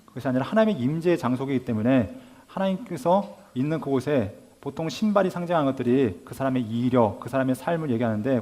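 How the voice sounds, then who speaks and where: A man teaching a Bible school class, asking his listeners rhetorical questions and acting out lively quoted dialogue. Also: medium pitch. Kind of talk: lecture to a class.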